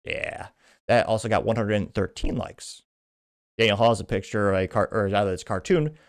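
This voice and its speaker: Brisk and steady in tone, this fairly low-voiced podcast host from the Midwest reads posts out and rambles through casual political takes. The American man is recorded dry, with clean studio sound.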